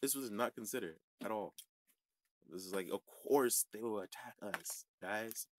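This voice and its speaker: A man hosting a religious online show, ranting to his viewers in a combative way that swings from shouting to muttering. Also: fairly low pitch, moderate pace, a little hiss or hum. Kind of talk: heated livestream rant to viewers.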